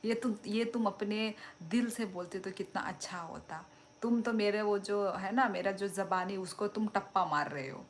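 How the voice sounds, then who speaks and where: A woman's voice: mid-range voice, normal speed, a little hiss or hum. A young woman hosting a casual live stream, chatting and laughing as she reads out and answers viewer comments. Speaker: livestream host.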